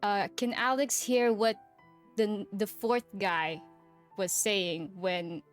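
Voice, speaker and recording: Player: woman, unhurried delivery, casual game chat, faint music underneath. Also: mid-range voice, fairly even intonation.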